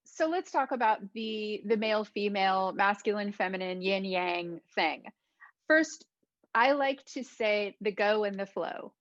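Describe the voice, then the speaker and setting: A woman's voice: mid-range voice, animated, a little slow, fairly bright tone, dry recording, dull audio. A woman hosting a conversation as a coach, explaining things in an affirming way. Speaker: podcast host and dating coach.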